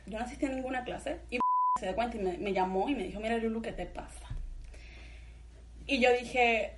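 A young woman tells a school story in casual podcast chat, animated and laughing. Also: fairly high pitch, quick pace. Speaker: podcast co-host.

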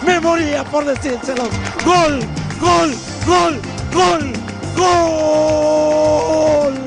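Male Guatemalan match commentator, breakneck goal calls, ecstatic screaming, very high and rough, music behind. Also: steady tone, drawn-out words, a crowd in the background.

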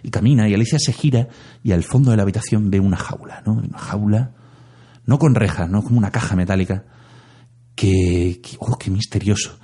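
Guy w husky low voice retelling a plot, jokey n dramatic, kinda dark tone. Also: fairly quick. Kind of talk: casual chat.

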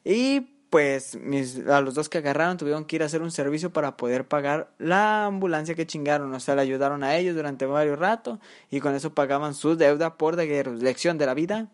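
A young man with a Mexican accent telling a funny story in an animated, slangy, joking way. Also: on the high side, fairly quick, hardly any pauses. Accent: Mexican Spanish. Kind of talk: casual storytelling vlog.

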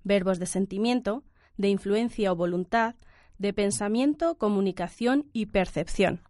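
A woman's voice: medium pitch, moderate pace, darkish tone, no echo, studio quality. A woman hosting an educational radio program, asking her guest questions in a friendly, conversational way. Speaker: radio host.

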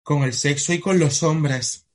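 A man's voice: fairly high pitch, unhurried. A young man from Spain, an actor, chatting animatedly. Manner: animated, laughing, theatrical outbursts. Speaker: actor, interview guest. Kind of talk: casual interview chat.

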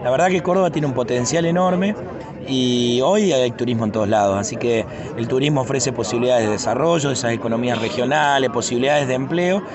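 A man's voice: medium pitch, fairly quick. A man with a Cordoba Argentine Spanish accent, explaining things conversationally as a tourism official in a spontaneous radio interview. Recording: busy outdoor crowd noise.

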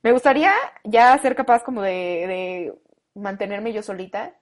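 A young woman with a Mexican accent, close to twenty, telling a story in casual chat, animated and full of slang, acting out what people said. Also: mid-range voice, normal speed. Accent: Mexican Spanish. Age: late teens. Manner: animated, slangy, acts out quoted lines. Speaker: guest.

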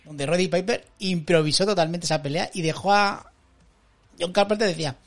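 Gravelly-voiced Spanish man, joking co-host. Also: high voice, moderate pace, faint music behind. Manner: jokey, ironic asides. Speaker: podcast co-host. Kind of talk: casual wrestling commentary chat.

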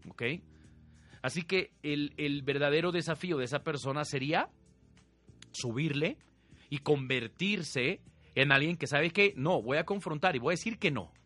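A man with a Mexican accent giving a lively spiritual talk, reading out viewer comments and asking his audience questions. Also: fairly high pitch, normal speed, soft background music. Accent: Mexican Spanish. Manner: animated, questioning, lively acted-out examples. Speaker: spiritual teacher.

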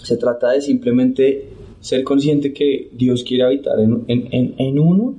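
A man's voice: mid-range voice, measured pace. A man from Santander, Colombia, earnestly telling his story of faith in casual conversation. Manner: earnest, animated retelling with acted-out quotes. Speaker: guest sharing testimony.

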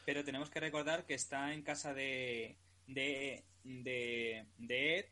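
A man, co-hosting a casual chat, relaxed and quick to jump in. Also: medium pitch.

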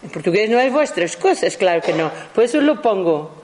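A speaker slowly explaining their own recordings to an audience, halting often and correcting themselves as they go. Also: mid-range voice, sing-song, a little mellow, a little hiss or hum, rough recording. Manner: halting, with frequent restarts and self-corrections; explains as to a class. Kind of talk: slow explanatory talk.

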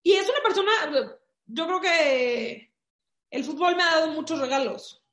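Her voice is high and her pace a bit slow as she recounts a story in easygoing conversation. The woman has a Mexican Spanish accent and tells it with animation and plenty of fillers, recorded in a room with echo.

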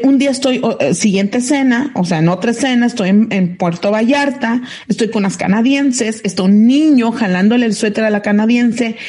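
Mexican woman, co-host, mellow tone, chatty storyteller who restarts often. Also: a little high. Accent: Mexican Spanish. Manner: animated anecdote telling with restarts. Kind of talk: casual storytelling chat. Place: remote call from home.

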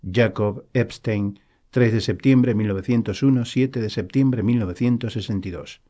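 Calm, low-voiced male narrator. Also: normal speed. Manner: calm, even storytelling. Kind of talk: audiobook narration.

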